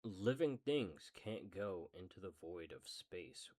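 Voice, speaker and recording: A man's voice: deep voice, animated, slow, darkish tone. A man casually reading a book aloud, with swearing side remarks.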